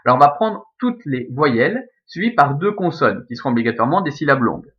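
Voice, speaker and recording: A man's voice: mid-range voice, big pitch swings, a little fast. A male teacher with a Belgian French accent walks through a lesson in a methodical, step-by-step way, repeating each rule patiently. His voice sits in a middle register. The recording is slightly dull and lo-fi. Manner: methodical, repetitive step-by-step explaining. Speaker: Latin teacher. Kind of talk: screen-recorded lesson explaining Latin scansion.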